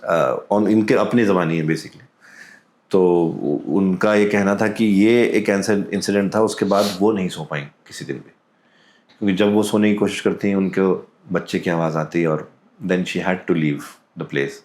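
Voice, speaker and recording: Deep-voiced Indian man telling a story. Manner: calm, deliberate, drops into quoted voices. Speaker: podcast guest storyteller. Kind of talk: casual storytelling in Hindi-English mix. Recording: roomy echo.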